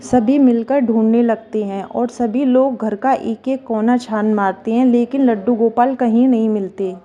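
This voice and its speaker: Mellow woman telling a devotional story. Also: a little high, fairly even intonation, unhurried, lo-fi sound.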